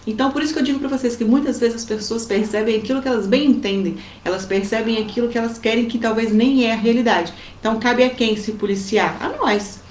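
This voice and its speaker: A woman with a Brazilian accent, co-hosting a casual advice chat and telling family stories in a lively way. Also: a little high, fast, few pauses. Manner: lively storytelling with acted quotes. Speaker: co-host giving family advice. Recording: roomy with faint background noise.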